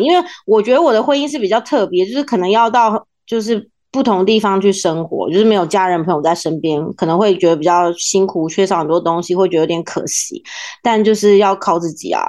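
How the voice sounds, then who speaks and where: A woman with a Taiwanese accent hosting a casual podcast chat in an expressive, playfully teasing way. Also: mid-range voice, fast. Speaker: podcast host, former radio presenter.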